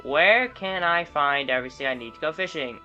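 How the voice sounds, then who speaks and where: A man giving casual, laid-back commentary while playing a game, with excited bursts. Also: a little high, fairly quick, highs cut off, faint music behind. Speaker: gaming streamer.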